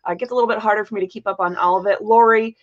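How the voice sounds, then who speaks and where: A woman's voice: medium pitch, fairly even intonation, racing, muffled recording. A woman hosting a live talk show, chatting casually in a rambling way with lots of fillers and playful teasing. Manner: chatty and rambling, many fillers and self-corrections. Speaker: podcast host. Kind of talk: casual livestream chat.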